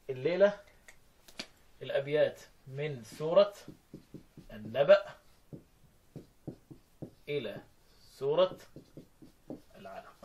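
A man with an Egyptian Arabic accent teaching Quran recitation readings, quizzing his students and chanting verses slowly between quick explanations. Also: fairly high pitch. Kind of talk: interactive lesson, quizzing students.

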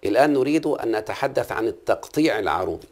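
Egyptian guy teaching a class, kinda gravelly, keeps asking the kids if they got it. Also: medium pitch, lively intonation, fast. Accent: Egyptian Arabic. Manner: patient, quizzes the class and repeats key terms. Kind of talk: classroom lesson on Arabic prosody.

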